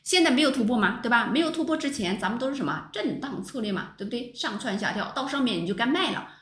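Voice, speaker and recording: A woman teaching a stock market lesson over chart screens, talking with lively rhetorical questions to her viewers. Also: a little high, fast talker. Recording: roomy echo.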